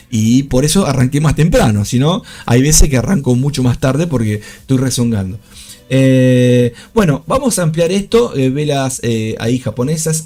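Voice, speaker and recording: A man with a Rioplatense Spanish accent hosting a live trading stream, talking fast about charts. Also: mid-range voice. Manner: fast, animated talker.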